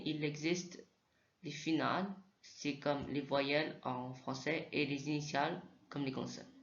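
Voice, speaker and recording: A man teaching Mandarin sounds in a slow spoken lesson, hesitating often and repeating each sound aloud for practice. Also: a little high, a bit bright, slight background noise. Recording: echoey room, slightly dull sound.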